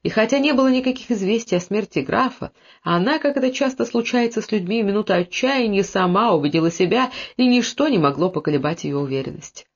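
A narrator reading a historical novel aloud in measured, scripted narration. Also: medium pitch, expressive, slightly rough. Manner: measured storytelling. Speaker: audiobook narrator. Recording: dull lo-fi audiobook recording.

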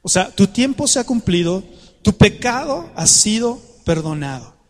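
A man preaching a sermon, animated and conversational, coaxing the congregation to join in. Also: high-pitched, moderate pace, big-room sound.

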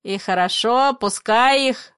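A woman's voice: a little high, takes it slowly, a bit bright, clean tone, dry recording, clean studio sound, pitched above the performer's own voice. A woman voicing a meek, simple old man who speaks mildly, in a play reading. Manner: mild, pleading, simple.

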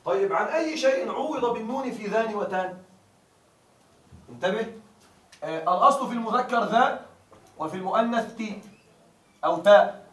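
A man teaching grammar to a class, stretching out example words slowly and often asking the students whether the point is clear. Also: high-pitched, lively intonation, fairly bright tone. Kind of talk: classroom lecture. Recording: echoey room, mic far off.

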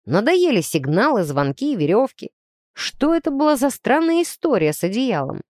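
A woman's voice: fairly high pitch, big pitch swings, moderate pace, a little mellow, no echo, voice pushed up. A stern uncle with a strict, reproachful manner, read by a woman narrator in a storybook. The voice rises and falls a lot, and the recording is dry and close. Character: stern adult man, an uncle.

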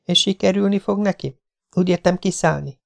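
A man voicing an anxious, curious young female journalist in an audiobook, lifting his voice high and softening it. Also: creaky. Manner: raised falsetto-like pitch, softer delivery.

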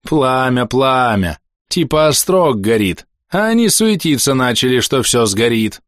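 A man's voice: mid-range voice, very animated, measured pace, no echo, studio quality, pitched above the performer's own voice. A man voicing a naive, cheerful blind monk in an audiobook, speaking with simple wonder.

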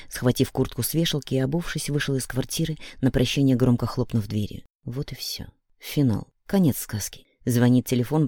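Man with a dark, somber narrating voice. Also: medium pitch, no echo, studio quality. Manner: measured, somber dramatic reading. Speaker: audiobook reader. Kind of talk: first-person audiobook narration.

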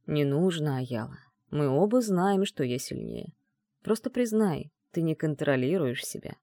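A man voicing an arrogant male mage mentor who taunts in a calm, low, mocking tone, in an audiobook. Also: unhurried, vocal fry, no echo, studio quality. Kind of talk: audiobook dialogue reading.

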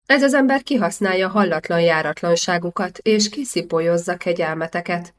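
A woman's voice: fairly low pitch, close to an everyday voice. A woman reading the lines of a bold young man who angrily rebukes a cheating official. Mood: indignant. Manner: cutting, righteous rebuke.

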